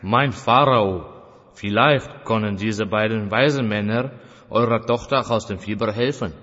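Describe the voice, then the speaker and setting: A man's voice: on the low side, unhurried, fairly bright tone. A man playing a deferential, persuasive subject of a pharaoh in an audio drama, speaking formally and respectfully. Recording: echoey, muffled band-limited recording.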